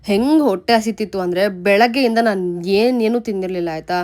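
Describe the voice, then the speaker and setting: A woman's voice: medium pitch, brisk. A young woman, chatting casually to camera at home in a vlog, telling stories. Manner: chatty, storytelling, shifts loud and soft. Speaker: vlogger.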